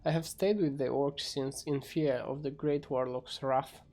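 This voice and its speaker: A man's voice: mid-range voice, fairly even intonation, unhurried, a little mellow, natural voice. A man voicing a fearful, obedient sorcerer servant, deferential and formal, in an amateur fantasy game story.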